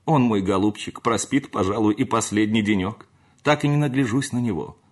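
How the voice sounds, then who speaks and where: A man's voice: fairly low pitch, moderate pace, voice pushed up, natural voice. A man voicing a fussy, tender gentry mother, in an audiobook reading.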